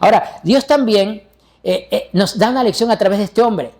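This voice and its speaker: A man's voice: high voice, normal speed, a little mellow. A male pastor delivering a sermon, preaching emphatically and putting rhetorical questions to the congregation.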